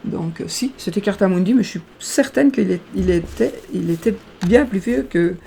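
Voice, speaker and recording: Mellow, gravelly-voiced woman. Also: medium pitch, lively intonation, normal speed, slight background noise. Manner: hesitant, stumbling, reading verses aloud. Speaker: card reader. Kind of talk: casual card-reading tutorial.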